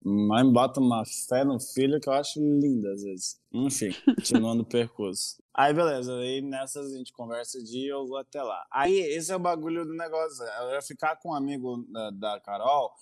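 A man's voice: medium pitch, normal speed, hardly any pauses, darkish tone. A young man telling a story in casual chat, rambling with stammers, fillers and swearing. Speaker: co-host telling his story.

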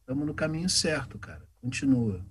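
A man with a husky voice tells stories in a relaxed interview. His pitch swings widely and he slips in quick voices for the people he describes. It is casual, expressive talk. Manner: animated, acts out voices in anecdotes. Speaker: voice actor guest.

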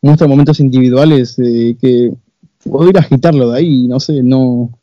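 A young man chatting about a film in a measured, analytical way. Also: mid-range voice, fairly even intonation, no echo. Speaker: co-host reviewing a film. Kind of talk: casual film review chat. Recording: dull, dry, lo-fi sound.

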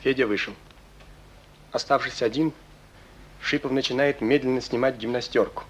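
A man calmly reading the stage directions as narrator of a radio drama. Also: mid-range voice, moderate pace, low-quality recording.

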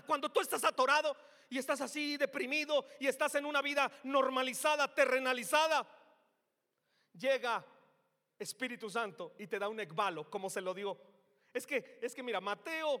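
High, bright-voiced Mexican preacher in echoey hall. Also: male voice. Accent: Mexican Spanish. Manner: emphatic, swings from soft asides to shouted climaxes. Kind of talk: sermon.

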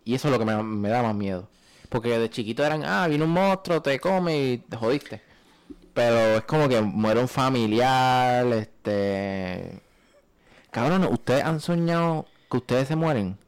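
A man's voice: medium pitch, unhurried, clean tone. A young man, co-hosting a casual podcast chat, peppering his stories with swearing. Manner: swears often, shares dreams loosely. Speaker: podcast co-host.

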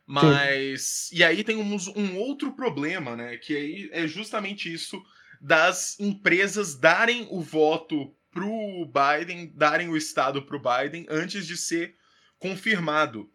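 A man co-hosting a podcast in casual political chat, throwing in quick sarcastic jabs. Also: fairly high pitch, animated, sharp tone. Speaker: podcast co-host.

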